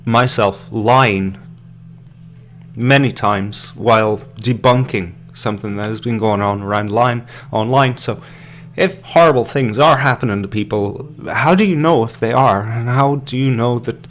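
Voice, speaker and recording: A man's voice: mid-range voice, fairly bright tone. An Irish man hosting a podcast live stream, rambling through hesitant casual commentary with many fillers and restarts, sipping beer as he goes. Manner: drinking beer while talking. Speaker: podcast host.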